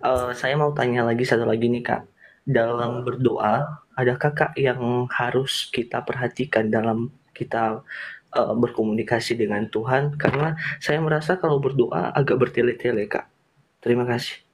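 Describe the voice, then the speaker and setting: A man's voice: mid-range voice, steady tone, normal speed. A man politely asking a question and hesitating over his words. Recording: noisy recording.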